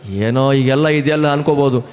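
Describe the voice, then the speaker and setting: A man's voice: medium pitch, fairly even intonation, a little fast, a little mellow. A man from Karnataka giving a devotional discourse, telling scripture stories with rhetorical questions and chanted Sanskrit verses. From Karnataka, India. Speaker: religious discourse speaker. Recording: reverberant hall.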